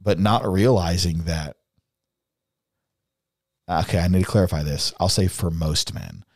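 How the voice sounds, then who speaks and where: Deep-voiced guy therapist on a podcast, earnest, restarts a lot, dry close mic. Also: unhurried, dry recording. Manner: earnest, thinks aloud with restarts. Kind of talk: casual podcast discussion.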